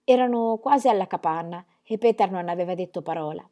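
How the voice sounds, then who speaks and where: A woman reading a children's novel aloud with expressive storytelling. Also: lowish voice, brisk. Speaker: reader.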